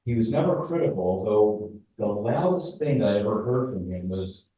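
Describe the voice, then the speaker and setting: A man's voice: fairly low pitch, animated, moderate pace, dark tone. Echoey distant New Jersey man. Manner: anecdotal, self-deprecating storytelling. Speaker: martial arts teacher paying tribute. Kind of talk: spoken memorial tribute. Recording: echoey, distant, muffled with faint noise.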